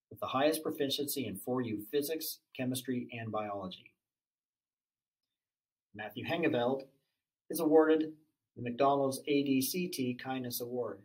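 Guy reading off school awards, formal, even, mid pitch, few little stumbles. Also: rough recording. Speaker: awards presenter.

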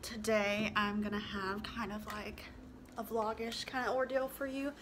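A woman's voice: medium pitch, level tone, measured pace, a bit bright, a little hiss or hum. A young woman chatting casually in a home vlog, rambling and a little out of breath after running downstairs. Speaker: vlogger. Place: home bedroom, indoors.

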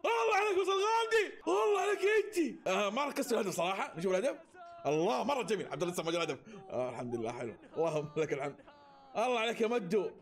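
A man reacting live to a football match, excitable and often breaking into shouted cheers. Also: high voice.

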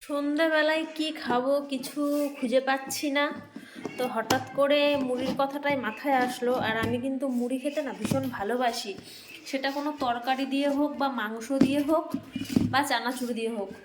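A woman's voice: high voice, fairly even intonation, fairly quick, background noise. A woman with a Bengali accent chatting casually to viewers in a daily vlog, talking to her small child as she goes. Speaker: vlogger.

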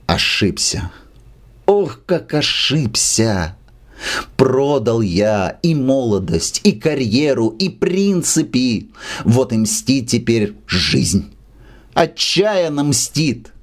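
A man voicing an agitated, bitter middle-aged gentleman who complains in a raised, aggrieved voice. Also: medium pitch, sing-song, very slow, pitched above the performer's own voice, heavily acted. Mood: despairing.

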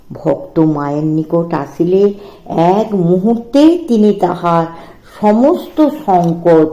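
A woman reading devotional prose aloud, slow and reverent. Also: medium pitch, mellow. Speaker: reader. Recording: echoey room, dull lo-fi sound.

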